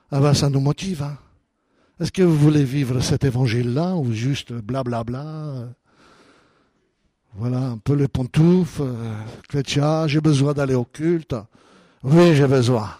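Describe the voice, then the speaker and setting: A man preaching a sermon as a pastor, animated, acting out the voices of believers. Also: fairly high pitch, dry recording.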